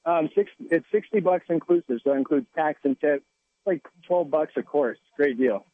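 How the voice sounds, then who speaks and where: A chef calling in by phone to a radio show, relaxed and joking in casual chat. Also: male voice, on the high side, moderate pace. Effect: voice heard over the phone. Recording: tinny phone line.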